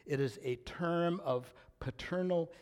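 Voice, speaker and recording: Older male pastor, slightly high voice, sermon delivery with big dynamic swings from emphatic to hushed. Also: takes it slowly. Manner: swings from loud emphatic declarations to hushed near-whispers; reads scripture aloud with rising intensity.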